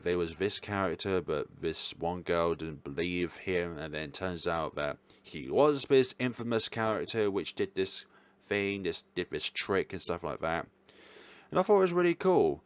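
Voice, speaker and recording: A man with a deep, clear and resonant voice hosts a game review video. He works through a tier list casually, rambling in an informal way and correcting himself mid-thought.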